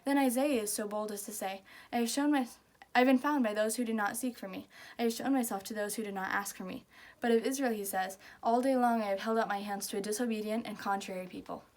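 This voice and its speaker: A woman's voice: medium pitch, fast, few pauses, darkish tone. A woman reciting scripture from memory, delivering it by rote.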